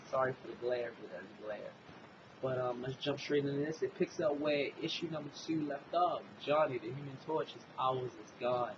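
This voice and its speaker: Male host for a casual comic review, rambling and filler-heavy, mid-range voice, dull lo-fi sound with steady background noise. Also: mid-range voice. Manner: rambling retelling with many fillers and "basically".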